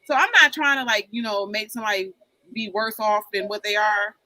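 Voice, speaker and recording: A woman's voice: medium pitch, fairly quick, bright, forceful tone, dry recording, rough recording. A woman in her forties talking candidly in a casual group chat, rambling and often repeating herself. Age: 40s. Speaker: panel guest.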